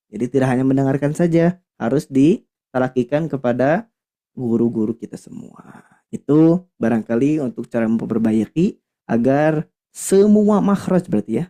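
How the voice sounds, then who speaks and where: Gravelly-voiced male Quran teacher. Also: medium pitch, mellow. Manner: patient and explanatory, searches for words aloud. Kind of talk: online class explanation.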